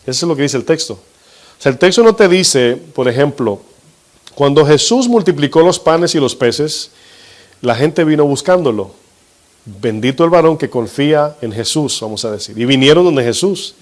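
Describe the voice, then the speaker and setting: A man's voice: a little high, lively intonation. Man preaching a teaching sermon. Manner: teaching with questions to the congregation; slows for emphasis on scripture. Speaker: pastor.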